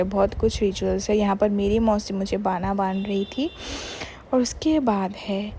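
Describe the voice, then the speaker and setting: Woman, young adult, casual vlog narration, warm mellow voice, faint background noise. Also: mid-range voice. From Bengal, India. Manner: chatty, mixes in English words, many "matlab" fillers. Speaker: vlogger.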